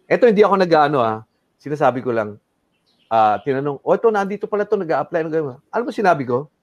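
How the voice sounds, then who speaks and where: A middle-aged man telling a story as an interview guest, animated and switching between Tagalog and English, acting out what people said. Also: on the high side, fast talker, no room sound, dull audio.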